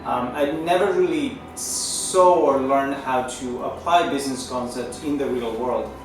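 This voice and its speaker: A man in his thirties from Chile, a native Spanish speaker, giving an earnest testimonial as a management consultant, pausing and restarting often. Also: medium pitch. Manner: earnest, halting, with frequent pauses and restarts. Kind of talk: testimonial interview. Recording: echoey room, distant mic, music underneath.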